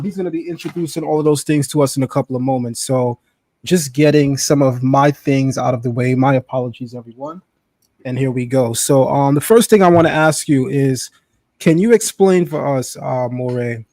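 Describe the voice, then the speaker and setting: A man's voice: medium pitch, moderate pace, darkish tone, dry recording. A man hosting a live stream interview, upbeat and familiar, addressing his viewers as family. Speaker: host, interviewer.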